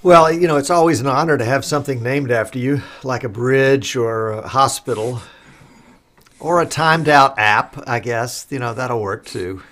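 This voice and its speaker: A man's voice: medium pitch, moderate pace, a bit bright. A man on a panel bantering casually in a dry, joking manner.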